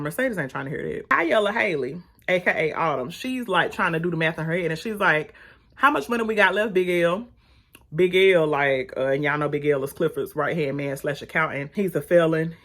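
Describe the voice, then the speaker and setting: A young woman with a fairly low voice talks through a TV episode recap for her channel. She chats casually, full of sassy asides and slang, like she's gossiping with friends. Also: a little fast. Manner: sassy, chatty, slangy storyteller. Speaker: TV review YouTuber.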